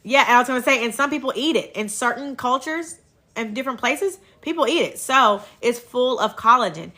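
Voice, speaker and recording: A woman from Kentucky in the United States, with a Kentucky accent, hosts a casual livestream and sells herbal health products. Her very bright, forward voice sits in the middle range, and she chats in a folksy way, dropping thanks to viewers as she goes.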